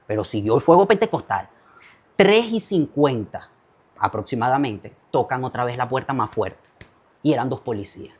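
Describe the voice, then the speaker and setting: A man's voice: medium pitch, lively intonation, normal speed, slightly rough. A man who is a pastor, telling a story as a testimony in a fervent, preacher-like way.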